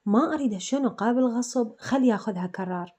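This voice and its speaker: A woman's voice: on the high side, fast talker, darkish tone, lightly acted. A woman reading a stubborn Iraqi son. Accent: Iraqi Arabic. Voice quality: grumbling, stubborn. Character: grumbling stubborn son, young man.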